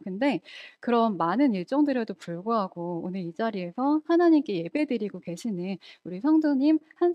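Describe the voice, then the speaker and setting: A woman's voice: fairly high pitch, dry recording, muffled recording. A woman preaching a sermon in a conversational way, often asking the congregation questions.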